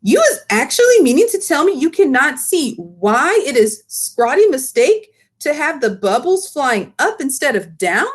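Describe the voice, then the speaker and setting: In a storybook read-aloud, a woman voices a big, friendly old male giant who is excitable and indignant, mangling grammar and making up words. She pushes her voice up high and speaks at a moderate pace with few pauses.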